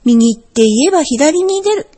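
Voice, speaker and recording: A woman voicing a proud, easygoing bear father who bluffs a little, in a lowered, self-assured husky tone. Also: expressive, normal speed, warm tone.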